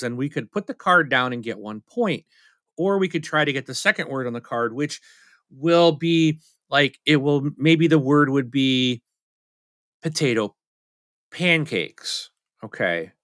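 A man's voice: mid-range voice, a bit bright, no echo. A middle-aged man chatting casually as a podcast co-host, rambling and telling stories with many fillers. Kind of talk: casual chat.

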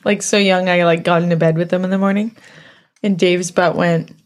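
A woman's voice: on the low side, fairly even intonation, a little fast. A woman co-hosting a podcast with casual, joking banter and informal personal anecdotes. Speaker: podcast co-host.

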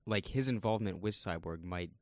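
Low-voiced hesitant podcast co-host man. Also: fairly quick, dry recording, studio quality. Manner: hesitant, thinks out loud. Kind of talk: casual TV episode discussion.

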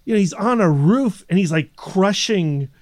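A man co-hosting a comics podcast, animated and acting out scenes as he talks. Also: high voice, normal speed. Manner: animated, acts out scenes in quotes. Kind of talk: casual comics podcast chat.

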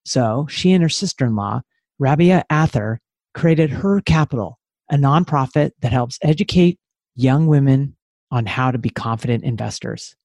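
A man's voice: mid-range voice, lively intonation, normal speed, a little mellow, no room sound. A man co-hosting a podcast, reading a polished scripted introduction and asking interview questions. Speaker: podcast co-host. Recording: dry close studio mic with faint music.

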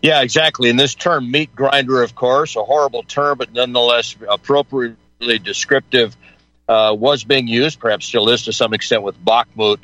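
A man hosts a political talk show, his voice bright and forceful at a middle pitch. He asks questions in measured, formal sentences. The sound is dry and close. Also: fairly even intonation, dry recording, rough recording.

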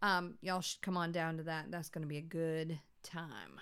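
A woman's voice: sits low, steady tone, moderate pace, gravelly, a bit bright, clear, resonant tone. A woman with a Southern accent co-hosting a podcast, chatting eagerly about local events. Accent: Southern American. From South Carolina Lowcountry. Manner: chatty and enthusiastic, with Southern turns of phrase. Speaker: podcast co-host. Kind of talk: casual chat.

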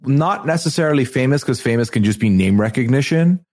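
A man's voice: medium pitch, lively intonation, fairly quick, darkish tone. A man co-hosting a podcast in casual chat, playful and teasing, recapping a TV show with rambling asides. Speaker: podcast co-host.

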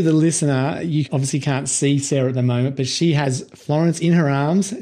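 A man's voice: a little high, a little mellow. A man, hosting and interviewing in a conversational podcast style.

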